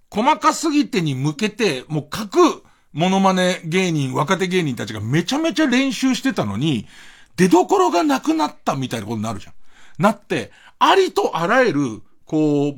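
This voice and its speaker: A middle-aged man talks on his late-night radio show, his husky voice on the higher side for a man and leaping all over in pitch. He rambles through a loose monologue into a close studio mic, laughing between his remarks.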